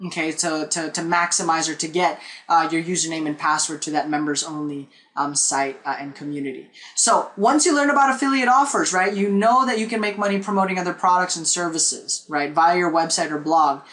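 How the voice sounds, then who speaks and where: A man's voice: a little high, fairly quick, pushed and bright. A man, teaching a live online marketing webinar in a chatty way and often checking in with "okay?" and "right?", recorded on a desk webcam in a small room. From Philippines. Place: small indoor room with a whiteboard.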